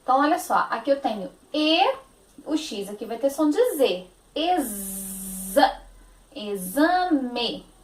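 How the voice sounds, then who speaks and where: A woman's voice: fairly high pitch, sing-song, takes it slowly, echoey room, slight background noise. A woman teacher with a Brazilian Portuguese accent, giving a phonics lesson to young children, stretching out words in a sing-song, affectionate manner.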